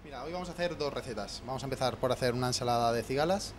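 Fast-talking chef, thirties, restarts often, kitchen, handheld mic, faint noise. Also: male voice, mid-range voice. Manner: fast, many restarts and fillers while listing ingredients. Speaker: head chef. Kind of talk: explaining a recipe on camera. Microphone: handheld mic held by interviewer.

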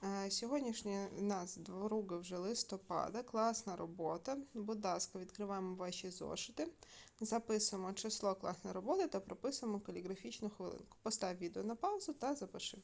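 A woman teacher recording a video lesson for young pupils. She dictates words slowly and clearly and stretches the syllables she wants the children to hear. Her pitch stays at a middle height, and small fillers slip in as she moves between steps. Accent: Ukrainian. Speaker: primary school teacher.

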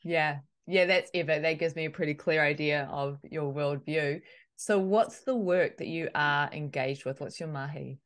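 Woman podcast host on a headset call, deep voice, curious questions. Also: moderate pace. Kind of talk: interview host. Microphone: headset on video call.

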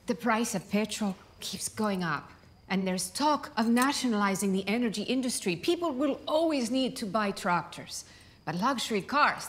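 An actress playing a worried, blunt and unyielding wife, arguing reproachfully and emphatically in a film drama. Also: female voice, mid-range voice, natural voice. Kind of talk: film drama acting, marital argument. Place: dining room indoors.

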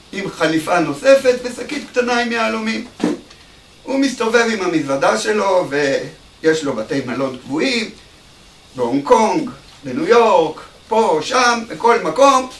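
A male rabbi giving an animated ethical sermon in a study hall, sometimes raising his voice to a shout. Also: high-pitched. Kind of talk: sermon with a parable. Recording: echoey room, distant mic, faint hum.

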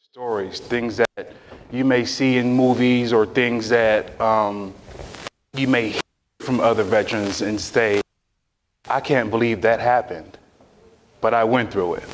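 A man's voice: mid-range voice, slight background noise. A man in his thirties from New York giving a personal story speech in a large meeting room, earnest and building to emphatic peaks, on a handheld mic. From Rochester, New York. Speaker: veteran speaker. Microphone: handheld mic heard from far off. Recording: echoey room from a distance.

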